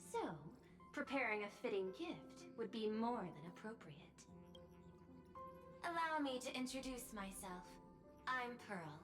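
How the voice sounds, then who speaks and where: Calculating corporate CEO, formal, smooth, faintly menacing, game music behind. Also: female voice, on the high side. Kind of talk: video game voice acting.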